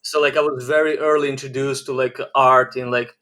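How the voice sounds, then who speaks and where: A man's voice: mid-range voice, a little fast. A man in his twenties with a Serbian accent, a podcast guest telling his life story in a casual, rambling way, full of "like" fillers. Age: 20s. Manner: rambling, many "like" fillers, flat delivery. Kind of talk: casual interview chat.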